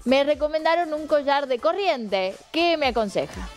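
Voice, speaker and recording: Woman host, high lively voice, short questions, music faintly behind. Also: moderate pace. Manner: brief agreeing interjections and questions. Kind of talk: interview.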